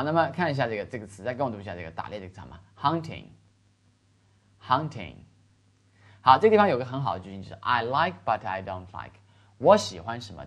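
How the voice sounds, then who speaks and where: A man teaching an English lesson, explaining in Chinese, spelling words letter by letter and having learners repeat after him. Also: mid-range voice.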